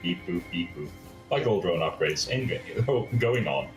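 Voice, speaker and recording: An obliging male AI drone speaks in a robot voice, answering in clipped system-message phrases, as a man puts it on. The voice sits low but swings widely in pitch. It sounds like it was recorded in a roomy, echoey space. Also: animated, measured pace, faint music behind. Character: helpful male corporate AI in a drone body. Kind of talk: tabletop roleplay, playing a character.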